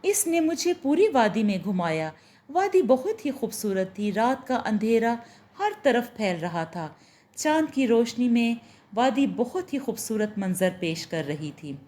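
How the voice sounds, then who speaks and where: A woman storyteller reads a spooky love story in a steady, expressive way. Her voice is mellow and warm, pitched fairly high, and moves freely up and down. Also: unhurried. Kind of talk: reading a Urdu horror-romance story.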